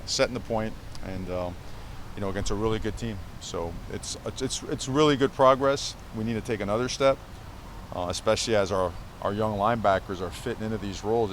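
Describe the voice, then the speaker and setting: A football coach from Cuba answers reporters at a press conference, speaking emphatically and filling his answers with fillers and repeated words. His voice is lowish and brisk, and there is a little hiss or hum in the recording.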